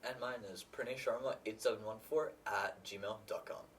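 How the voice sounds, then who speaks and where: A man with an average-pitched voice speaks as a presenter closing a show. The mic is at a distance, with faint ambient noise behind him. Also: steady tone, moderate pace, fairly bright tone. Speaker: host. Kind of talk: presenter sign-off.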